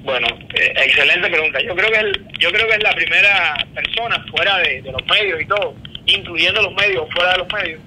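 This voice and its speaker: A man's voice: high voice, a little fast, sharp tone. A middle-aged man from Cuba with a Cuban accent, a guest answering interview questions over a video call, hesitant with many fillers. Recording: noisy call line.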